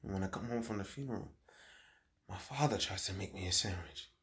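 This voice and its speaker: A man performs a dramatic monologue as a troubled schoolboy consumed by guilt, sounding confused and grieving. His voice sits lowish and hushed, halting and deliberate, with heavy pauses between phrases.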